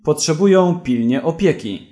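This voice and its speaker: A man's voice: on the high side, expressive, normal speed, dark tone, faint music behind, lightly acted. A man reading the curt, commanding lines of an armed militiaman in a storybook. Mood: stern.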